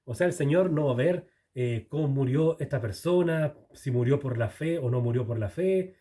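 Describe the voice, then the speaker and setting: A man's voice: medium pitch, normal speed, dark tone. A man teaching a Bible passage verse by verse, chatting with the listeners, asking them questions and often correcting himself. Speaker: preacher.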